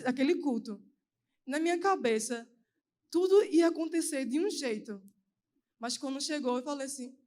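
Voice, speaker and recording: A young woman preaching at a youth service, giving an earnest, emotional personal testimony in a quick, anxious delivery. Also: high-pitched, darkish tone. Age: young adult.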